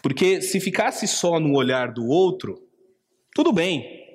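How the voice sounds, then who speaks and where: A man's voice: on the high side, sing-song, slow, long reverb tail. A man preaching a sermon, earnest, acting out the taunting inner voice in quoted asides. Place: church.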